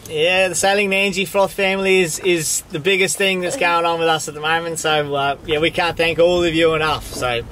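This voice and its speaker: A man's voice: on the high side, fairly even intonation, brisk, hardly any pauses, bright, forceful tone. A young man, chatting enthusiastically to camera in slangy terms from a sailboat cockpit. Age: young adult. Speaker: vlog co-host. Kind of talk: casual chat to camera. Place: cockpit of a sailboat under a canopy, outdoors.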